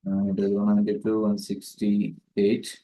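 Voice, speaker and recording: A man with a fairly low, mellow voice narrates a networking tutorial in a monotone at normal speed. He explains each step in a careful, orderly way. A distant microphone adds a roomy echo to the recording.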